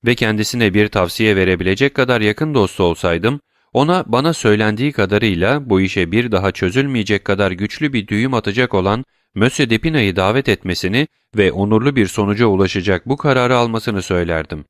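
A gracious, worldly count, read by a man in an audiobook, speaking in long, elaborate, courtly sentences. The voice is lowish and recorded dry and close. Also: fast, no room sound, close to an everyday voice.

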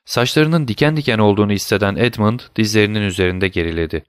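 A man reading a classic novel aloud as audiobook narration, in an even, measured manner. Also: on the low side, smooth, no room sound, studio quality.

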